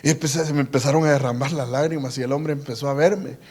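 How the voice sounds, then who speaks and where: A man's voice: a little high, quick pace, a little mellow. A man, telling a personal testimony in a sermon, often restarting and repeating words. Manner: storytelling with many repetitions and restarts. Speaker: preacher.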